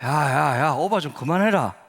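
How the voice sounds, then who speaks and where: A man's voice: animated, moderate pace, a bit bright. A man voicing a scoffing teenage boy classmate who mocks and taunts. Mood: taunting. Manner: taunting, high-pitched jeering. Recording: reverberant church hall.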